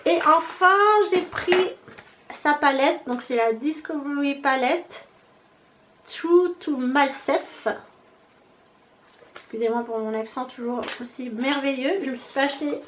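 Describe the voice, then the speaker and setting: A woman in her thirties with a high, light voice runs through a beauty haul, holding up products one after another in a relaxed, chatty way. A faint hiss sits under her voice. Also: normal speed. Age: 30s. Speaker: beauty vlogger. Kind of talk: casual haul chat.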